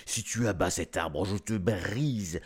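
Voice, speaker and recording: A man's voice: sits low, takes it slowly, breathy edge, exaggerated voice. A man voicing a blustering one-eyed giant in a told fairy tale. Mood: threatening. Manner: blustering threats, shrieking when beaten.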